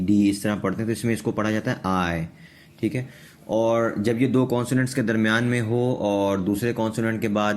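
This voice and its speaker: A man teaching a pronunciation lesson, slowly repeating example words and checking understanding as he goes. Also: on the low side. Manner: slow, repeats words for drilling, checks understanding with tag questions. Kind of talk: classroom-style lesson.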